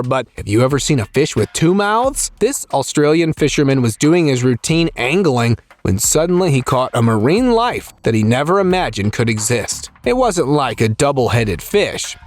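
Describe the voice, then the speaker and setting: A man reading scripted nature documentary narration for a video about strange creatures, as a voice-over. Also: medium pitch.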